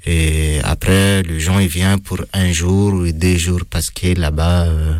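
A man with a foreign accent answering interview questions in a hesitant, halting way, pausing often and filling gaps with hesitation sounds. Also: deep voice, level tone, a little mellow, no echo, clean studio sound. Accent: foreign accent in French. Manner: hesitant, halting, many pauses and fillers. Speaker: interviewee recounting time in prison. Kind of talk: casual spoken testimony.

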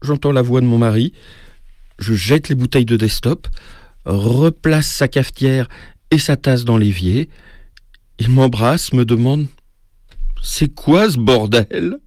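A man's voice: medium pitch, a little slow, long pauses, no echo, clean studio sound. Man reading a frantic literary excerpt. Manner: expressive, rhythmic, rising to frantic. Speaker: reader of a book excerpt.

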